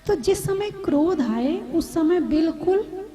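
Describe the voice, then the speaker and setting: A woman, a Jain nun, giving a conversational sermon, asking her audience questions with gentle humor. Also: extremely high pitch, lively intonation, slow, over music, poor audio.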